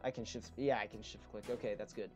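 A man's voice: on the low side, fairly even intonation, fast, a little mellow. Chatty man narrating his gameplay. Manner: rambling, chatty with frequent ums. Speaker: let's play host. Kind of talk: casual gameplay commentary. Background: faint game music.

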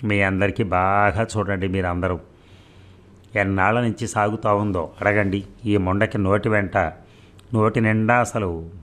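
A man's voice: fairly low pitch, steady tone, a little slow, a bit bright. A man voicing an angry village woman who scolds harshly and curses. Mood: furious. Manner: harsh, cursing.

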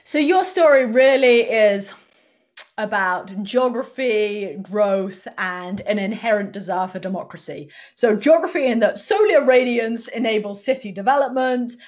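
A woman's voice: a little high, unhurried. A woman hosting an academic interview, asking probing, long questions and often restarting her words. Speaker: host, interviewer.

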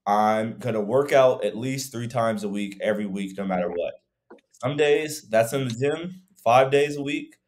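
At medium pitch and normal speed, this young man's voice has a darkish tone. He's a fitness coach co-hosting a relaxed podcast via video call from a room at home, speaking reflectively and ramblingly with frequent filler words.

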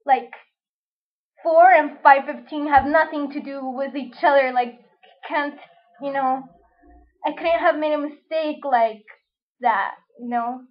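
High-voiced young woman telling a dramatic story. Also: steady tone, slow pace, long pauses. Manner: dramatic, swearing, full of fillers. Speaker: vlogger. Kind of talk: casual storytelling vlog. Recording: dull lo-fi recording.

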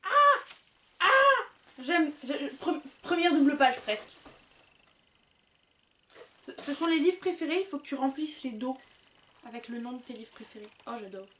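A young woman from France chatting excitedly and casually as she unboxes and describes books and goodies. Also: high voice, moderate pace, pauses often, a little hiss or hum. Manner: chatty, excitable, loose with swearing. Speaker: booktuber.

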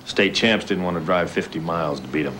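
A deep-voiced sardonic school dean. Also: male voice, a little fast, a bit bright, a little hiss or hum. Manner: sardonic, wry. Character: sardonic middle-aged male school dean. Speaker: dean of boys.

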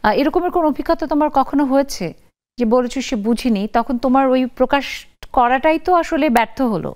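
Bright-voiced woman hosting a talk show. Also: high-pitched, a little fast. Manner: warm, inviting, addresses viewers and callers. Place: TV studio.

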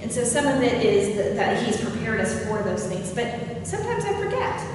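A woman's voice: fairly high pitch, very animated, moderate pace, a little mellow. A young woman pastor giving a conversational sermon, chatting with and questioning her congregation. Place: church sanctuary. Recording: echoey hall from far off, noisy.

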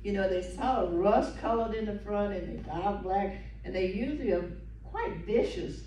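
An elderly woman with a Southern American accent, short of breath, reminiscing in a folksy, unhurried way as she tells stories to an audience. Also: medium pitch, warm tone, recorded from a distance. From southern United States. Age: 70s or older. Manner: folksy, unhurried, with pauses and acted-out quotes. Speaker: guest speaker at a local history talk. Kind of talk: informal reminiscing storytelling to an audience. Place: meeting room with seated audience, phone camera from the audience. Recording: echoey, noisy room recorded from afar.

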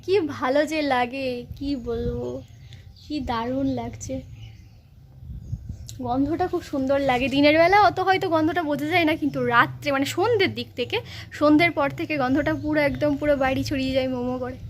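A young woman vlogging in a casual chat, talking softly and quietly so her sleeping baby is not woken. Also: high-pitched, fairly quick, slight background noise. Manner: hushed, soft-spoken so the baby can sleep.

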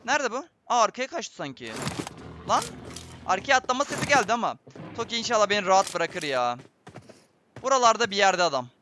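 A young man giving excitable, chatty live commentary on a shooter game to his viewers. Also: high-pitched, fast talker, pauses often, soft background music. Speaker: gaming streamer. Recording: game gunfire behind voice.

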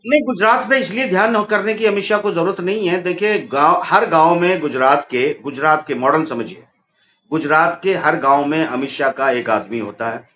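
A middle-aged male political commentator argues his point on a webcam call from an indoor office, speaking at a normal speed but forcefully, his insistence climbing to high emphatic peaks. The debate is animated, and the call audio is dull, muffled and lo-fi, with faint noise.

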